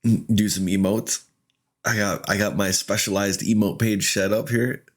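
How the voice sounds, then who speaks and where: Talking through his own gameplay, this streamer keeps laughing and gets excitable, retelling moments by quoting what he said to himself at the time. He speaks casually in a lowish voice at a measured pace.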